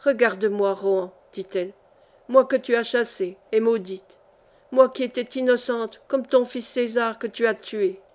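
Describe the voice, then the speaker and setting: A woman's voice: fairly high pitch, normal speed, close to an everyday voice. A woman playing a fierce, imperious noblewoman. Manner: forceful, urgent and imperious. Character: fierce noblewoman, commanding and imploring.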